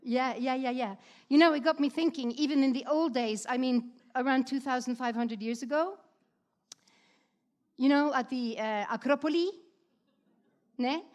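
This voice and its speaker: A woman's voice: sits high, moderate pace, long pauses. Chatty woman giving a talk. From Norway. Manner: lively, chatty, with many fillers and asides to the audience. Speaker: speaker. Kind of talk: conference talk. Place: stage before a live audience.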